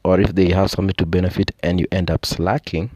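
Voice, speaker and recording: A young Kenyan man hosts a podcast, talking through ideas in a relaxed, explanatory monologue sprinkled with "you know" and "I think." His voice is deep and low and he talks fast, captured in a close, dry recording.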